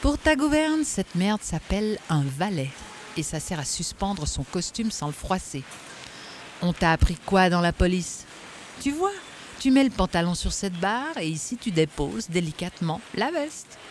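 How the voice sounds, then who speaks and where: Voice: unhurried, a little hiss or hum. A reader voicing a proud, stubborn old male tailor who is down on his luck, in an audiobook. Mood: lecturing. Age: older. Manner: chatty, stubborn, lively pitch jumps. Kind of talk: audiobook reading.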